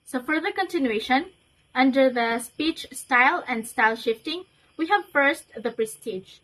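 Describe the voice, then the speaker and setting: A woman's voice: sits high, lively intonation, measured pace, fairly bright tone, low-quality recording. A young woman student presenting a class report, explaining each point and linking them with "so". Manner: explanatory, with frequent "so" to link points.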